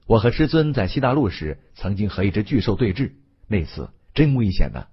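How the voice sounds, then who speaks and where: A man narrating an audiobook voices a cheerful, eager young male companion who talks quickly. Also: on the low side, very animated, husky, lo-fi sound, full character voice.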